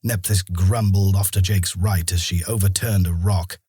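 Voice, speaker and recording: A man narrating a fantasy audiobook in a steady storytelling manner. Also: low-pitched, normal speed, breathy edge, no room sound, clean studio sound. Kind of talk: scripted narration.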